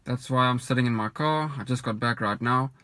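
A man's voice: mid-range voice, fairly quick, no room sound. A young man, a cycling coach, talking casually to a phone camera while sitting in his parked car, rambling with lots of ums. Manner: relaxed, rambling with many ums. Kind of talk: casual vlog talk. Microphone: phone camera at arm's length.

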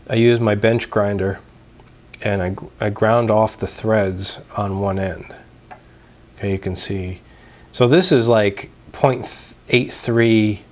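Young man demoing gear on a lapel mic. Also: fairly low pitch. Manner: relaxed, explanatory, frequent fillers and restarts. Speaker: homebrewing video host. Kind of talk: casual show-and-tell demonstration. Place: small dim room at home, indoors.

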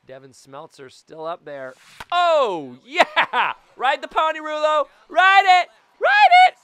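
A gaming YouTuber in his thirties jokes around and gets excitable while commenting on a baseball video game, sometimes bursting into loud yells. He speaks slowly, and the background is noisy. It was recorded at home in a small room on a boom-mounted studio mic, with webcam framing.

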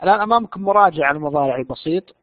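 A man's voice: on the high side, lively intonation, very fast, no room sound. A man teaching an online English lesson, explaining step by step and answering his own questions. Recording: dry tinny phone-like line.

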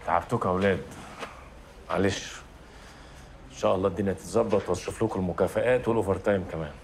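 Weary boss, Egyptian accent, rapid, gravelly low voice, noisy background. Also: male voice, steady tone. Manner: apologetic, encouraging. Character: weary boss thanking his staff.

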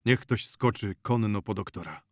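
A man's voice: lowish voice, moderate pace, dry recording, clean studio sound, close to an everyday voice. A man voicing a grim middle-aged male village healer who speaks in tense, clipped lines in an audiobook.

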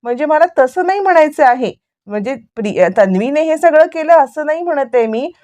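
A woman's voice: high voice, animated, a little fast, a little mellow, voice pushed up. A woman voicing a cautious sister-in-law who reasons hesitantly, point by point.

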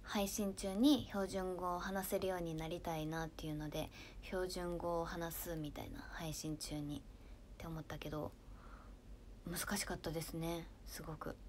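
Soft-spoken Kansai woman streaming. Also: lowish voice, flat delivery, normal speed, slight background noise. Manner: soft-spoken, drifts into near-whispers, laughs often. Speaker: idol livestream host reading comments. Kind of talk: casual livestream chat.

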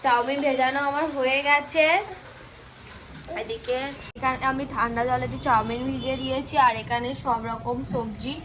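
A woman's voice: sits high, fairly even intonation, normal speed, noisy background. A young woman from West Bengal with a sore throat and stuffy nose, chatting casually to viewers as she cooks and cares for her daughter at home. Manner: chatty, narrating chores to viewers. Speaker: vlogger and mother. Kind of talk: casual home cooking vlog. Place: home kitchen, indoors.

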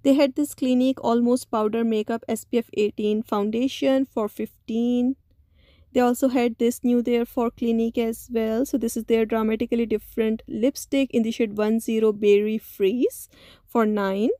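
A woman narrating a store shopping video in a voice-over, speaking slowly. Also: on the high side, level tone, warm tone, dry recording, clean studio sound. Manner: slow, listy, with many "uh" pauses. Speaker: shopping vlogger.

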